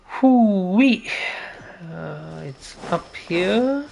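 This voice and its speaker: This man's voice is high-pitched and expressive yet extremely slow, creaky and darkish, heard in a rough recording with slight background noise. He's livestreaming a game over video game music, casually rambling and hesitating as he thinks aloud.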